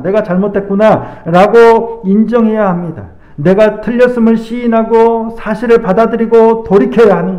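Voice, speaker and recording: A male pastor delivering a sermon in a slow, deliberate preaching manner, now and then acting out the voices he quotes. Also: sits high, reverberant, lo-fi sound. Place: church sanctuary.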